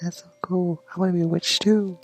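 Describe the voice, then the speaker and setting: A man voicing an excited young boy as he reads a game's dialogue aloud, eager and high. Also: a little fast, over music.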